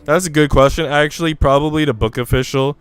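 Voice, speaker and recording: A man with a fairly high, steady voice talks quickly on a livestream, chatting with viewers in an informal, chatty, mildly profane manner and reading a visual novel aloud. The tone is clean with no echo, backed by soft music.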